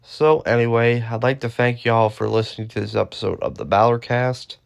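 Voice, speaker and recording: A man's voice: mid-range voice, steady tone, moderate pace, gravelly. A man in his twenties hosting a solo podcast, rambling offhand with jokey asides. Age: 20s. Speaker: podcast host.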